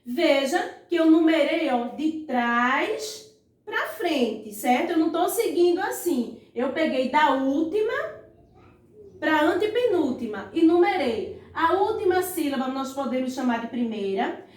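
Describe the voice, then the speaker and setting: A woman's voice: high-pitched, lively intonation, recorded from a distance. A woman teaching a primary school lesson online, often prompting pupils with little calls to look and stretching out words syllable by syllable. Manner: slow, stretched-out syllables when saying words; frequent "ó" and "vejam só" prompts to pupils. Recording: echoey room, voice away from the mic.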